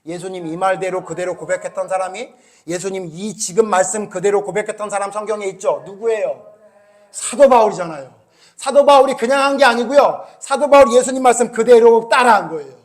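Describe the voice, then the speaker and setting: A man's voice: sits high, a little fast. A male pastor preaching a sermon, often asking the congregation questions and acting out the people in the parables. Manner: keeps quizzing the congregation with questions.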